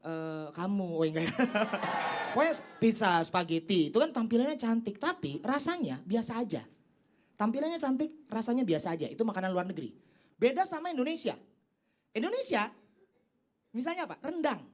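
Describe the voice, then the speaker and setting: A young man performing a stand-up comedy set on stage, teasing the crowd and leaping up in pitch for his punchlines. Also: big pitch swings, moderate pace. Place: comedy stage before a live audience. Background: audience laughter and applause.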